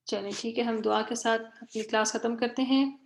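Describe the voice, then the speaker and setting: A woman's voice: on the high side, fairly even intonation, vocal fry. A woman teaching a Quran recitation class online, patiently correcting a student's pronunciation and repeating words.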